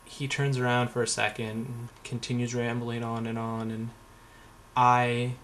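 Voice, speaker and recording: A man's voice: medium pitch, little pitch movement, unhurried, a bit bright, slight background noise. A young man telling a story in a casual vlog, sarcastic and rambling, full of fillers and swearing. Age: young adult. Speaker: vlogger.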